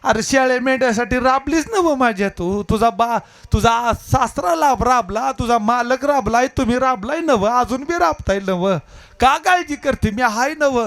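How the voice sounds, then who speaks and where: A man's voice: extremely high pitch, moderate pace, a bit bright. A man voicing a kindly reassuring village god.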